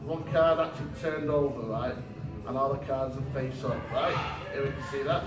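A man's voice: medium pitch, fairly even intonation, moderate pace, over music. A young man doing a magic act on a small stage, chatting with the audience in a rambling, self-deprecating way with many restarts. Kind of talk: live stage patter with audience. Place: small stage hall with curtain. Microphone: distant camera, no mic. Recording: roomy hall echo, voice from far off.

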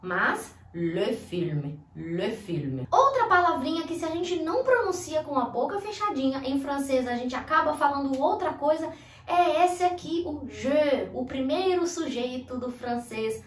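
A woman from Brazil teaching an online language lesson, demonstrating sounds clearly and slowly. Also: high voice, animated, echoey room, distant mic.

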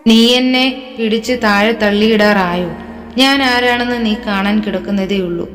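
A woman voicing a gruff, short-tempered young man in an audio story, snapping irritably. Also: medium pitch, moderate pace, a bit bright, close to an everyday voice. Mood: irritated. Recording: reverberant with background music.

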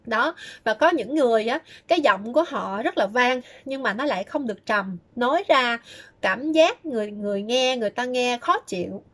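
A woman's voice: on the high side, expressive, moderate pace. A woman giving chatty, casual advice, often starting sentences with filler words. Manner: chatty, many fillers and repeated "đó". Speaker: fortune-telling vlogger. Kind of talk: casual spoken advice talk.

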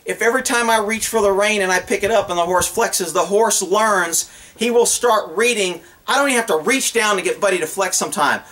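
Out on open rural land, a middle-aged horse trainer and vlogger explains things to the camera at a fairly quick clip, his voice high and raised. The talk is casual and unscripted, delivered in an animated, blunt, folksy way with acted-out imaginary dialogue.

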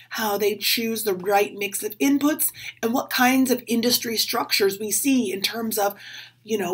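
Hoarse woman professor giving a lecture. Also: mid-range voice. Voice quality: husky. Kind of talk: recorded lecture.

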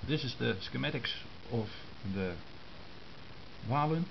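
An animated, gravelly man with a mid-range voice, from the Netherlands, teaches an informal amateur radio lesson by going through hand-drawn diagrams step by step. He speaks in short, halting phrases, and the compact camera's built-in mic renders everything muffled and hissy.

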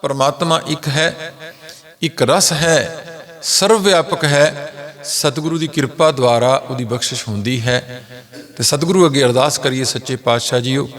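A middle-aged man giving a sermon, slowly chanting scripture lines and then explaining them plainly. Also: medium pitch, fairly bright tone. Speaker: Sikh preacher.

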